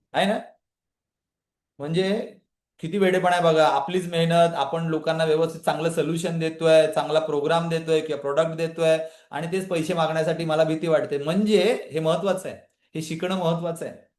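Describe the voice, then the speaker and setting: A man with a fairly high voice, heard in a reverberant space, runs a live online motivational session on women's empowerment. He energetically questions the audience and repeatedly prompts them to reply in the chat.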